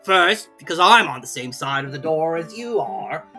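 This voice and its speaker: A woman's voice: deep voice, big pitch swings, pushed and bright, husky, faint music behind, pitched above the performer's own voice, exaggerated voice. Woman doing an aloof, lilting footman creature. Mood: matter-of-fact. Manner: deliberate, oblivious, matter-of-fact. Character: aloof, dim, unhelpful male footman creature.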